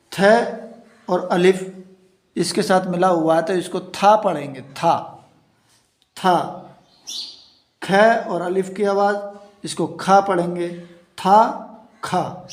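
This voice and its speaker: A man teaching an Urdu reading lesson, slowly sounding out letters and repeating each sound. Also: sits high, darkish tone. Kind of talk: slow step-by-step reading lesson. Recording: echoey room.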